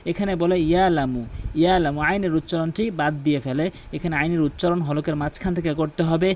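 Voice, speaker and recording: A man with a high voice teaches correct recitation in a brisk, insistent way. He repeats words slowly and corrects each sound. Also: fairly even intonation, a little mellow, slight background noise. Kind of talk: pronunciation tutorial.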